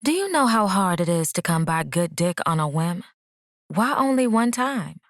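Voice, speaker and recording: A woman's voice: lowish voice, big pitch swings, normal speed, no room sound, studio quality. A woman voicing a nosy young female cousin in an audiobook, with playful, sly teasing. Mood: bawdy.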